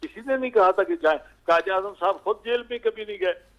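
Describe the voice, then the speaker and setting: Halting man on a dull line. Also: high voice. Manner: halting, with many filler sounds. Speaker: political guest. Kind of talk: talk show discussion.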